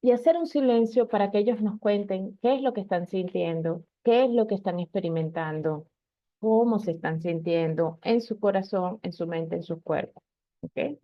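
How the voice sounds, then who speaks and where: A woman's voice: mid-range voice, moderate pace, no room sound. Woman, parenting educator, patient explanations, frequent check-ins, dry sound, slightly muffled. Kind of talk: informal talk on parenting.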